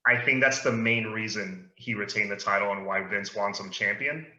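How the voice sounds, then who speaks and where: Bright-voiced man in an echoey room. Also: on the low side, moderate pace. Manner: easygoing, opinionated, leads the discussion. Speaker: podcast co-host. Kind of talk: casual chat about wrestling. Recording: echoey room, dull lo-fi sound.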